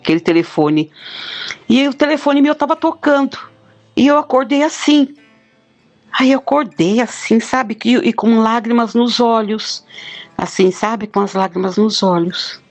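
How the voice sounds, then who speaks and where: Heartfelt middle-aged woman, slightly high. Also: measured pace. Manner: heartfelt, plain-spoken storytelling. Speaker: guest telling a near-death experience. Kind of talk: personal testimony.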